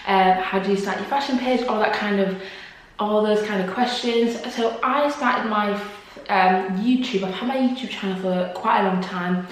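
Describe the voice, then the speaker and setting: A woman's voice: mid-range voice, normal speed. Chatty young woman, echoey room. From Congo. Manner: chatty, laughs often, many fillers. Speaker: YouTuber. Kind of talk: casual Q&A chat to camera.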